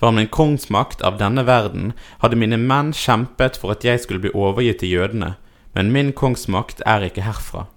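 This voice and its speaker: A calm, solemn prophet in a dramatized scripture reading, voiced by a man. The voice sits low and steady, grave and firm without rushing. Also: natural voice.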